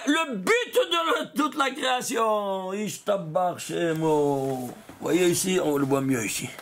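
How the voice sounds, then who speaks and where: A rabbi with a very high voice for a man teaches a class on letters and numbers. He keeps asking "alors?" and "vous voyez?", then answers himself. His pace and pitch swing often, from slow, stressed words to quick bursts. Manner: animated, asks rhetorical questions and answers them himself; pitch and pace jump around a lot, now slow and stressed, now rushed. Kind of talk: Kabbalah lesson explaining diagrams and letter numbers.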